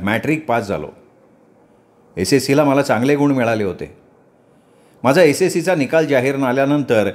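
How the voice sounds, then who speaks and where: A man reading a novel aloud in a calm, measured first-person narration. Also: medium pitch. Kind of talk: scripted narration of a memoir novel.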